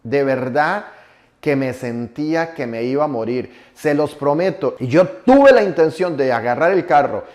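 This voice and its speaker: A man's voice: fairly high pitch, lively intonation, moderate pace, darkish tone. A Costa Rican man in his forties giving a motivational conference talk, emphatic and colloquial, with local slang. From Costa Rica. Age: 40s. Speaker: motivational speaker.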